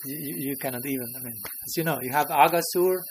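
A man's voice: a little high, quick pace, slight background noise, low-quality recording. A man teaching a scripture class, who chuckles often and keeps checking in with his listeners. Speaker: spiritual teacher.

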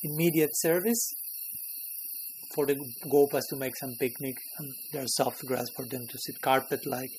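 A man's voice: medium pitch, steady tone, moderate pace, a little hiss or hum, low-quality recording. Chuckling man teaching a scripture class. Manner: chuckling, checks in with listeners. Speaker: spiritual teacher.

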